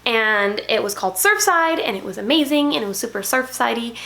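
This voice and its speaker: A young woman vlogging a casual trip recap, chatty and excited, often correcting herself. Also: fairly high pitch, brisk, gravelly.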